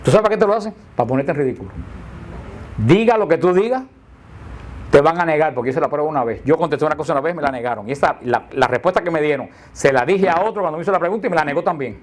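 A man's voice: fairly high pitch, animated, racing. Chatty older man teaching catechism. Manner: chatty, jokey storyteller who laughs at his own slips. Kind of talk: informal teaching to a group.

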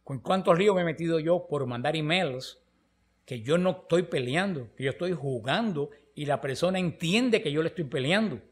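A slightly high male voice at a moderate pace delivers a chatty Bible teaching. The preacher narrates stories animatedly, performing each line of quoted dialogue.

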